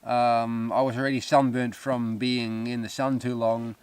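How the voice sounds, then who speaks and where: A man's voice: medium pitch, level tone, unhurried, a little mellow, smooth, dry recording. A man, a touring cyclist, speaking English, hesitant and wry. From Netherlands. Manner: hesitant, wry, many ums. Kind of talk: interview recollection.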